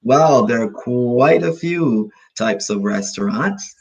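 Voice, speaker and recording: A man from Barbados, teaching an online English lesson over a video call and explaining slowly, with many repetitions and synonyms. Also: medium pitch, lively intonation, a little mellow, husky, dull audio.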